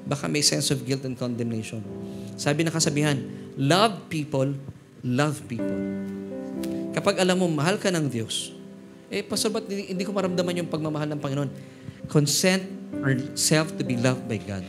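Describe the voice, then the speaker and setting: A middle-aged Filipino pastor preaches in a slightly high voice, telling jokes and personal stories as he moves between Tagalog and English. Guitar music plays clearly under his words in the church. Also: fairly quick. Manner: humorous storytelling, mixing Tagalog and English. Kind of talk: sermon. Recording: music playing behind the voice.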